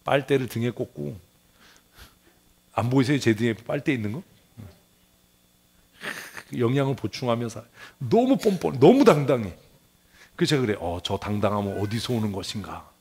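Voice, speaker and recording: A middle-aged male pastor giving a Sunday sermon in a lively way, acting out quoted voices and asking the congregation questions. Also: mid-range voice, normal speed, long pauses, breathy edge. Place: church sanctuary.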